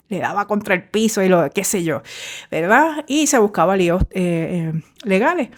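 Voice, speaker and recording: Middle-aged woman talking faith and healing, chatty, drops english fillers in. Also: medium pitch. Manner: warm, conversational, mixes English fillers into Spanish. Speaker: podcast host, former therapist. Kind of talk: faith-based motivational talk.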